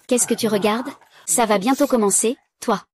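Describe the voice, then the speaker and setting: Woman, dubbed drama dialogue, single voice for all parts, flat even reading. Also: a little high, moderate pace, husky, dry recording.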